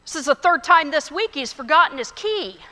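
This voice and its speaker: Exasperated dog owner, as a woman preacher puts him on, scoffing and deadpan, echo of a big hall. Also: high-pitched, normal speed, a little hiss or hum.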